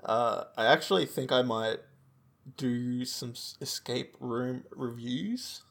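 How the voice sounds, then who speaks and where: A man's voice: mid-range voice, takes it slowly, gravelly, a bit bright. An Australian man co-hosting a podcast, chatting casually and telling anecdotes. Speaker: podcast co-host.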